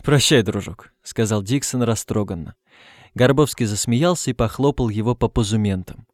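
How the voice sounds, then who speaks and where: A man narrating an audiobook in a calm, even reading voice at a middle pitch. He raises his voice when the characters shout. The sound is close and dry, with no room echo. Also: normal speed. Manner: reads calmly, lifts his voice for characters' shouts.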